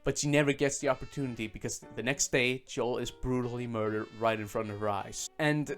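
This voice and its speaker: A man's voice: medium pitch, a little fast, fairly bright tone, soft background music. A man giving a casual, sarcastic game review full of swearing and fillers. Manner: sarcastic, profane, many fillers.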